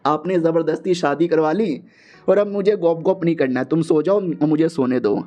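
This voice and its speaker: Grumpy reluctant young husband, irritated, refusing, high dark-toned voice, as the narrator puts him on, manhua recap. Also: male voice, normal speed, natural voice.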